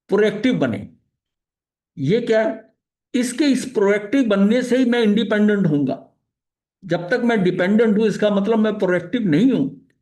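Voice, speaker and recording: A man with a notably high speaking voice leads a religious study session. He teaches conversationally, circling back with filler phrases and restarting sentences. He drops English terms into his explanations. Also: darkish tone. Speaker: spiritual study leader.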